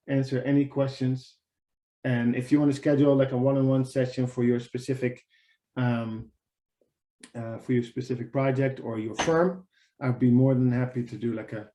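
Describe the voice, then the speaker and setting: Speaking through his webcam from an echoey room on a video call, a webinar presenter from the Netherlands, a man in his thirties with a Dutch accent, talks casually and a lot, frequently repeating words. His voice is medium-pitched with a dark tone.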